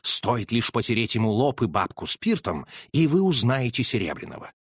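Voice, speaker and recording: A man voicing a calm, unflappable detective who speaks in a measured, understated way. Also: medium pitch, husky, dry recording, studio quality. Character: calm, unflappable male detective, middle-aged.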